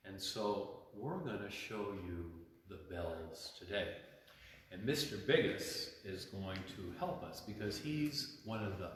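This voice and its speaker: Inside a large church, a male priest leads children's storytime in a fairly low, slightly bright voice with lively intonation, taking things slowly. He explains faith informally and simply, using repetition and frequent questions to check understanding. Long reverb fills the very echoey space, along with faint noise.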